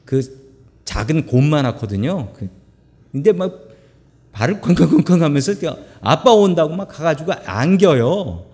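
A middle-aged man preaching a sermon, telling stories with humorous asides in an animated way, recorded in a church sanctuary. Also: a little high, moderate pace. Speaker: pastor. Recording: long church hall reverb.

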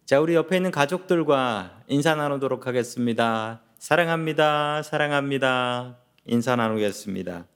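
A man's voice: mid-range voice, a little fast, few pauses, smooth. A male pastor delivering a Sunday sermon, telling a story and asking the congregation questions.

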